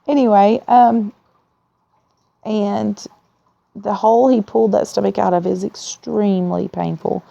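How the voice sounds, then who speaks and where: A woman who sounds tired and weak after surgery, talking in a candid, rambling, low-energy way in a casual video diary, with a gravelly, creaky voice. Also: steady tone, moderate pace, warm tone. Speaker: vlogger sharing surgery recovery. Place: at home in a recliner. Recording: dull, lo-fi sound.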